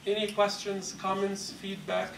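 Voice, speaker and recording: A gravelly, high-pitched male voice with a completely flat delivery teaches a class in a large carpeted mosque hall, explaining things in a measured way and taking questions. He wears a lapel mic but is filmed by a distant camera, so the audio is echoey with a faint hiss.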